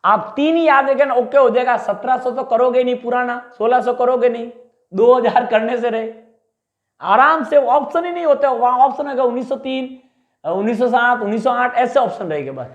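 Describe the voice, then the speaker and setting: A man teaching a Hindi exam class, drilling memory tricks with animated repeated questions and answers. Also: extremely high pitch, normal speed, reverberant, muffled recording. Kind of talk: mnemonic lecture.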